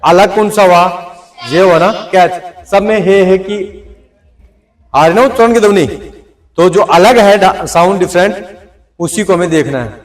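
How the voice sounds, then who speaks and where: High-voiced, slow-spoken man teaching a class. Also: reverberant. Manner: repetitive drilling, scolds students. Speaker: tuition teacher. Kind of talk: classroom lesson on English pronunciation.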